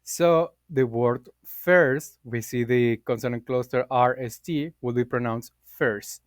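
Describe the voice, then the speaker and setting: A man giving an explanatory class presentation, speaking deliberately with fillers and quick self-corrections. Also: mid-range voice, no echo, clean studio sound.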